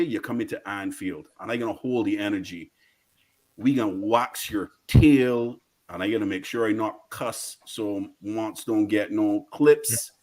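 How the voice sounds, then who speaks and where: Indignant about football, this Barbadian-accented man rants as a guest caller. His pitch is typical for a man, and his slangy, emphatic bursts keep circling back through repetition to hammer each point.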